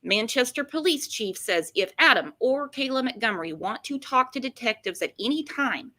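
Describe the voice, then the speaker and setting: Bright, higher-voiced woman hosting true-crime talk. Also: expressive, moderate pace. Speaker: host. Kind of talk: casual true-crime commentary chat.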